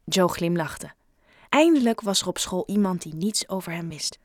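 A woman reading a children's novel aloud with clear, steady storytelling narration. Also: lowish voice, moderate pace, dry recording, clean studio sound. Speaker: audiobook narrator. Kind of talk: scripted narration.

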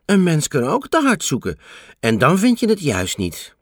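A man voicing a patient, kindly grandmother in a storybook reading, gentle and musing. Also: a little high, huge pitch swings, moderate pace, husky, dry recording, clean studio sound, heavily acted.

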